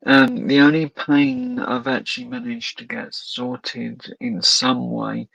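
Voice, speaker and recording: A man on a live-stream panel talking slowly and wearily about being in pain. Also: mid-range voice, big pitch swings, vocal fry, a bit bright, breathy edge, no room sound, dull audio. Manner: slow, weary, hurting. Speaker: panel guest. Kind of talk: casual live-stream chat.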